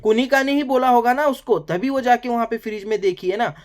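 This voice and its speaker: Male reviewer, casual animated recap, chatty colloquial delivery. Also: extremely high pitch, fairly quick. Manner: animated, colloquial, keeps saying "bhai" and "yahan pe". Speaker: reality show reviewer.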